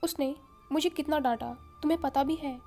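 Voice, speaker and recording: Woman reading a pouting young man, snappish, fairly high voice, mellow tone, faint music behind. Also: moderate pace. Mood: sulky. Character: sulky hot-tempered young man.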